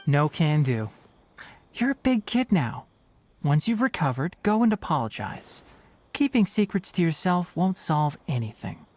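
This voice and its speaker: Lively-toned young forest watcher, stern but caring. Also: male voice, a little high, a little hiss or hum. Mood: gently firm. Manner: brisk, matter-of-fact, gently scolding. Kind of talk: video game voice acting. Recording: game audio with background music.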